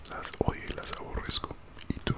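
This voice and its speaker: A young man whispers casually in a breathy ASMR style right up at the microphone, chewing gum as he chats. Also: fairly quick. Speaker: ASMR creator. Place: small room indoors at home. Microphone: large desktop condenser mic, very close.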